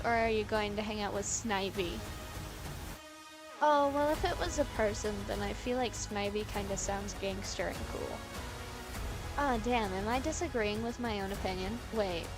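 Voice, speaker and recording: A woman live streaming in casual chat, rambling, giggly and playfully argumentative, often correcting herself mid-thought. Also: medium pitch.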